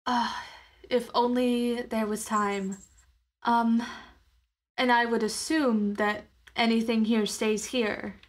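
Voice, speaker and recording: Her voice sits on the high side with little pitch movement, and she takes her time. Describing her character in a tabletop game, she is casual, reflective, and hesitant, groping for words.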